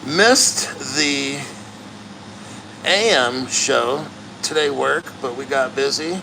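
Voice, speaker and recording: Sitting neck-deep in an ice plunge, a livestream host chats bluntly and casually with viewers, earnest and straining against the cold. He drags out his words with vocal fry, and there's noise in the background.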